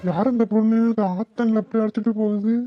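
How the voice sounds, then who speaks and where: A woman's voice: a little high, level tone, quick pace, highs cut off, over loud music, lightly acted. A woman voicing a kind village man who coaxes and reassures a rescued girl in a cartoon. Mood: coaxing. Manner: coaxing, reassuring. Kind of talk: cartoon voice acting.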